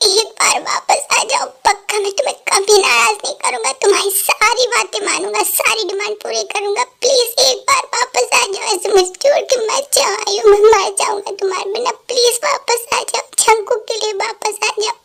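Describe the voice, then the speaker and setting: Grieving husband, pleading and tearful, dubbed by a woman in a very high voice. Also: fairly even intonation, normal speed, a bit bright. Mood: pleading grief. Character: grieving young husband, man in his twenties. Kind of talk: Hindi fan dub.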